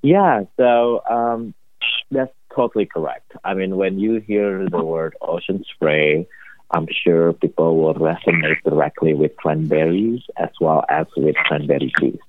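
Speaking a little slowly with fairly even intonation, this executive from Indonesia has a low-pitched voice and an Indonesian accent. He responds to interview questions earnestly and cheerfully, using lots of fillers, over tinny phone-line audio with a noisy background.

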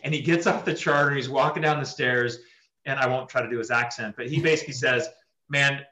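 A man, a tournament director, telling stories in an interview with lots of fillers and animated asides. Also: medium pitch, quick pace, roomy sound. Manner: chatty, animated storytelling with fillers. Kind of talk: interview soundbites.

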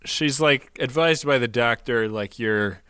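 Man, podcast co-host, smooth clear voice, casual joking recap, laughs often, dry close sound. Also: medium pitch, unhurried, sharp tone, no room sound. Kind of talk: casual chat recapping a TV episode.

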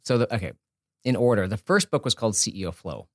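Quick and expressive, this lowish-voiced man is an entrepreneur and author being interviewed informally. He thinks on his feet, cutting himself off and rewording things. The audio is clean studio sound with no room echo.

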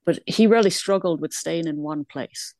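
This interview guest, born in England and now based in Ireland, thinks aloud hesitantly, with many restarts and small laughs. She speaks at a moderate pace in a low, darkish voice, recorded without echo.

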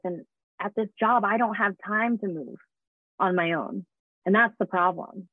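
This fitness business founder, a woman in her thirties, is a guest in a relaxed interview, recounting her story with lots of laughter and filler words. Her voice is mid-pitched, and the recording is dry, coming through a thin, phone-like line.

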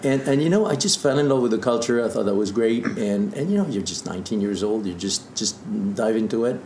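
Fairly low-pitched, a little mellow, animated and fairly quick, this Frenchman in his fifties hails from southern Burgundy and works as a distiller. He speaks English with a French accent, telling stories as a casual interview guest; the room is echoey and there's noise in the background.

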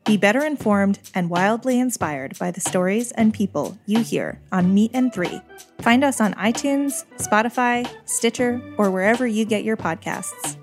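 A woman's voice: mid-range voice, moderate pace, soft background music. A woman, an executive director, reading a scripted promo for a podcast.

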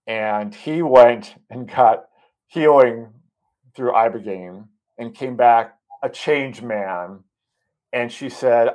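A man being interviewed as a guest, a doctor, telling a long story in an earnest, halting way, with many ums and restarts and audible emotion. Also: lowish voice, darkish tone. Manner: emotionally moved while recounting.

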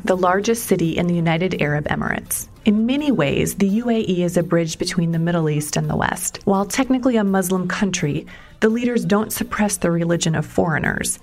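A woman reporter narrating a documentary story in a measured storytelling way, sometimes stressing questions. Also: on the low side, a little mellow. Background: music underneath.

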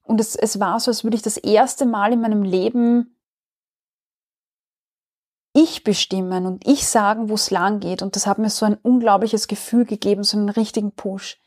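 A woman's voice: mid-range voice, fairly even intonation, moderate pace, a little mellow. A woman telling a personal story in conversation, candid and emotional, often restarting her sentences.

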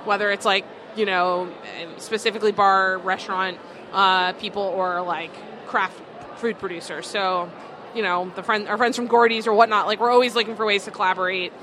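A woman's voice: mid-range voice, steady tone, normal speed, a bit bright. A woman co-owner of a distillery talks loosely, full of fillers. Her voice sits mid-range. Market noise runs steadily behind her. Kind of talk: casual interview answers. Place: busy food market. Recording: noisy market background.

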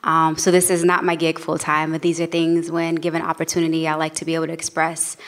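A woman's voice: low voice, monotone, fast talker. A woman from Kansas City, a church planter, introducing herself on a panel in an easygoing, joking way. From Kansas City, Missouri.

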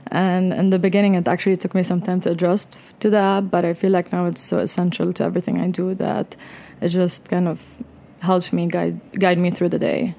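A woman in a casual studio interview as a guest, explaining things in a halting, chuckly way. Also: fairly low pitch, flat delivery, creaky, dark tone. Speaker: interview guest, company co-founder. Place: small broadcast studio.

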